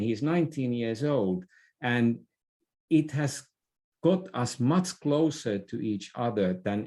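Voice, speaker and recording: A middle-aged man with a warm, mid-range voice appears as a business expert guest on a podcast. Speaking conversationally in the interview, he offers advice while frequently hesitating and repeating words.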